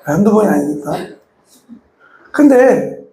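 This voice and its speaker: A man's voice: high-pitched, lively intonation, a little slow, warm tone, roomy sound, a little hiss or hum. A male pastor preaching a sermon, throwing rhetorical questions to his congregation and acting out voices.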